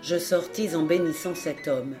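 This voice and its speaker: Brief: measured, solemn reader of a classic novel, faint background music. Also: medium pitch. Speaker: audiobook reader. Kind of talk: literary audiobook narration.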